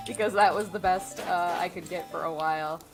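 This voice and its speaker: Relaxed, hesitant woman guest, casual stream chat, game music clearly behind. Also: on the low side, moderate pace, rough recording. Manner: relaxed, hesitant, with many ums and little laughs. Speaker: guest, creative manager. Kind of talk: casual chat while showing gameplay.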